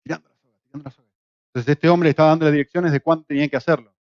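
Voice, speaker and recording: A middle-aged man from Argentina with an Argentine Spanish accent, teaching a Bible class in a lively way, with rhetorical questions and jokes. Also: on the high side, racing, no echo. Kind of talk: church class lecture. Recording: dull, lo-fi, dry sound.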